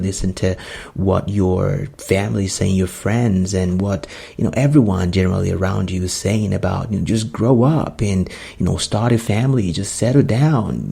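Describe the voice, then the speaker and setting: A man's voice: on the low side, vocal fry, mellow, husky. A man, hosting a solo podcast in an earnest, rambling way with many fillers. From Nigeria. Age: 20s. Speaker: podcast host.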